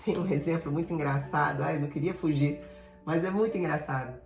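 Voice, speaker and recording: A Brazilian woman therapist giving an animated, digressive motivational talk, speaking straight to her listeners. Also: sits low, quick pace, gravelly, reverberant, soft background music. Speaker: emotional therapist.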